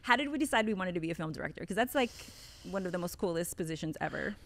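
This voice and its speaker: Female podcast host, playful, energetic introductions, studio mic. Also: on the low side, very fast. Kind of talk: podcast interview. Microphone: studio mic on boom arm.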